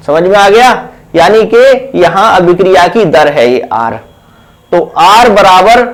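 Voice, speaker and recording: A man's voice: high-pitched, rough recording. A man teaching a chemistry lesson for exam preparation. He speaks, repeats key terms and asks questions that he then answers himself. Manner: slow, repetitive, asks rhetorical questions then answers them. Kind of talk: exam-prep lesson explaining at a board.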